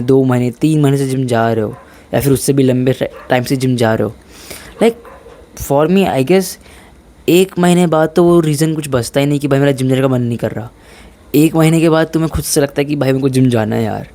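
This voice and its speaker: With a dark tone, a mid-range pitch and a normal pace, a young man vlogs about fitness, bluntly and casually advising on gym work and studies. He keeps it informal, blends in English words, and often calls his audience "bhai."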